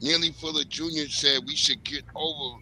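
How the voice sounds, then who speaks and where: Bright, tense male panelist, angry profane rants. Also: on the high side, fairly even intonation, normal speed, slight background noise, rough recording. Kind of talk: heated podcast talk.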